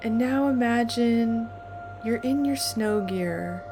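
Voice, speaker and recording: Slow, calm woman guiding meditation over music. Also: on the high side. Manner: calm, soothing, deliberate with long pauses. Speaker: guided meditation narrator. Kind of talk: guided meditation, slow scripted narration.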